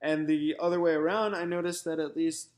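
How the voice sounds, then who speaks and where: In a slightly high voice with fairly even intonation, a young American man gives a recorded personal statement. The graduate student is thoughtful but halting, restarting often and filling pauses.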